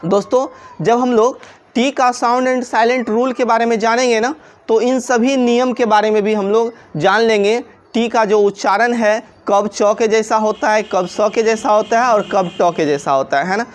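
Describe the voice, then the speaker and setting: A woman's voice: a little high, fairly even intonation, a little slow. A woman with a Hindi accent teaching a pronunciation lesson, spelling words out letter by letter and putting questions to her viewers that she answers herself. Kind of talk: classroom-style video lesson.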